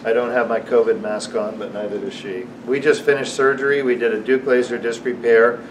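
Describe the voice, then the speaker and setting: A man's voice: mid-range voice, steady tone, a little fast. A man speaking as a surgeon, explaining to camera and interviewing a patient, repeating answers back. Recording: distant mic, noisy room.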